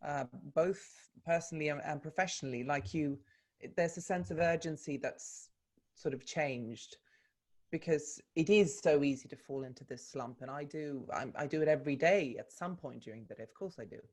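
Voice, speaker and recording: A Swedish woman, native in Swedish, is a guest on a video call interview and speaks English in a relaxed, conversational way. An actor and voice coach, she talks thoughtfully with lots of ums and restarts, her voice sitting low with a darkish tone at a normal speed.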